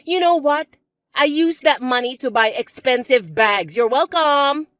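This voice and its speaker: A woman voicing a spiteful, bossy young stepsister who talks in a shrill, mocking, shouty way. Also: expressive, a little slow, no room sound, clean studio sound, faint music behind. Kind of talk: chat-story voice acting.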